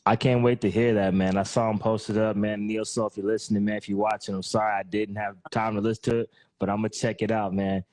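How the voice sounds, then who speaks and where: Fast, with few pauses and a flat delivery, the host speaks in a fairly low, darkish voice, with no echo. It's a casual podcast interview full of laid-back slang, his lines often ending in "man" or "bro."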